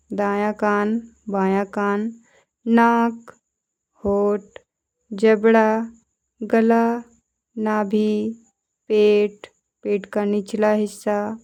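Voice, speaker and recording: This is a woman with a mid-range voice guiding a yoga nidra session; she gives short instructions calmly and deliberately.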